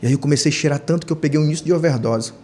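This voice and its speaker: A man in his thirties with a Brazilian Portuguese accent, a deacon telling his personal testimony on a church podcast, climbing high in pitch when he acts out his own past words. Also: racing, slight background noise. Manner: storytelling, rising to high, animated pitch when quoting himself.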